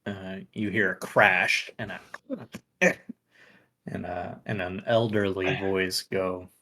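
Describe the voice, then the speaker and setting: A man narrating as game master of a tabletop game, relaxed and loose with frequent fillers. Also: low-pitched, takes it slowly.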